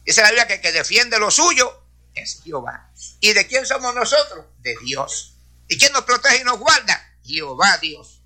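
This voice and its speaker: Bright-voiced man preaching. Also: high-pitched, big pitch swings, moderate pace. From Puerto Rico. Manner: peppers speech with hallelujahs and praise. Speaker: church speaker. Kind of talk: preaching testimony to a congregation.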